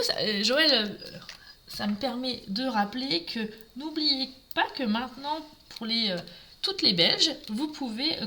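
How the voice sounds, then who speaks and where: Woman, live craft demo, fairly high voice, chatty step-by-step talk, clear background noise and clicks. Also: sharp tone, poor audio. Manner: chatty, greets live viewers while demonstrating; talks through each step as she works. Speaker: craft product demonstrator.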